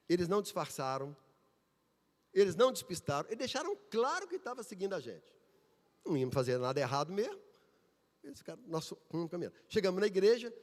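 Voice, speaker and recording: A man's voice: high-pitched, long reverb tail. A man from Brazil, preaching a sermon and telling a story, emphatic and full of rhetorical questions and repetition. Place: church sanctuary.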